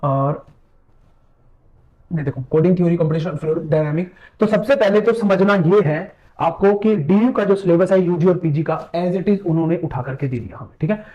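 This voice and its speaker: A man's voice: sits high, normal speed, highs cut off. A man teaching math exam preparation in casual Hindi mixed with English terms, walking through a syllabus and telling viewers to watch closely. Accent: Hindi, mixing English math terms. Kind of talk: screen-share syllabus walkthrough lecture.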